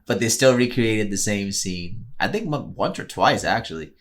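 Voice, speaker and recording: A man with a fairly low voice talks through a film review in a loose, casual way. He rambles and restarts his sentences, piling up fillers as he goes. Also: expressive, moderate pace. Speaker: co-host.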